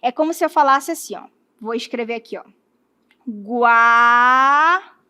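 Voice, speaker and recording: A Brazilian woman teacher with a high voice takes her class through a lesson one step at a time. She stretches out syllables as she spells them and keeps checking in with the students. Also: fast talker, a bit bright. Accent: Brazilian Portuguese.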